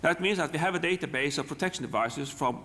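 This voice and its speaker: A man with a Norwegian accent, a native Norwegian speaker giving a technical software demonstration, haltingly, often repeating words and restarting. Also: on the high side. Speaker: software presenter. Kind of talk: live technical demonstration talk. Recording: long hall reverb.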